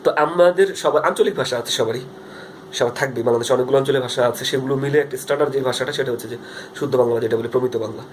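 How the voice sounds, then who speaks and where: Here the young Bangladeshi vlogger races along in Bengali, his medium-pitched voice carrying a Bangladeshi accent as he talks earnestly to his front camera. It's a casual video diary with many fillers and restarts, and there's slight background noise.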